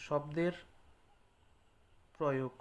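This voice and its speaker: A man teaching an English lesson, slowly spelling out letters and example words one at a time. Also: a little high, steady tone. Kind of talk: slow spoken English lesson.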